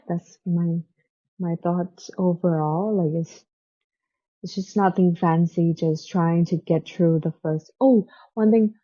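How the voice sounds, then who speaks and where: Here a woman with a lowish, dark-toned voice is heard on dull-sounding audio. She speaks English as a second language and chats informally, as a book vlogger might, frequently pausing to find her words.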